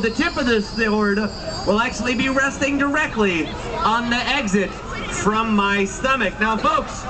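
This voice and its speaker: High-pitched sword-swallower sideshow barker. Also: male voice, noisy background. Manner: showman's barker patter, theatrical and emphatic, addressing the crowd. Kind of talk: live sideshow pitch to a street crowd. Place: busy street outside an attraction, later its lobby. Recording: distant mic, crowd around. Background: crowd.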